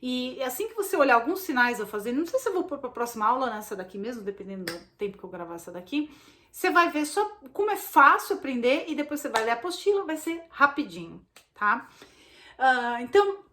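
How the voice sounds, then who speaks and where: A chatty Brazilian woman with a high voice walks her students through a casual recorded lesson. She keeps checking in with quick tag questions as she explains. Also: big pitch swings, bright, forceful tone, a little hiss or hum. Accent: Brazilian Portuguese. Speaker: baby sign language course instructor.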